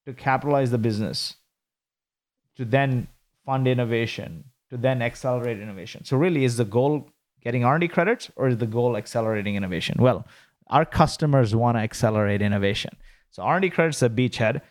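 Speaking in a mid-range voice, this Kuwaiti startup founder keeps his interview answers brisk and professional, regularly reaching for rhetorical questions.

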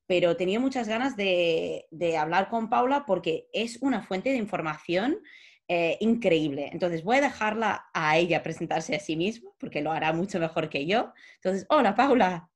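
A woman's voice: on the low side, expressive, normal speed. A woman hosting a casual podcast interview, chatty, with frequent fillers and restarts. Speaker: podcast host.

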